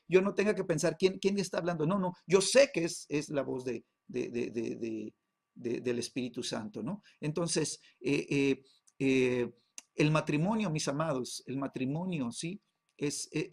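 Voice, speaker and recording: A man, a pastor, teaching a Bible class, peppering his talk with tag questions and halting repeats. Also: a little high.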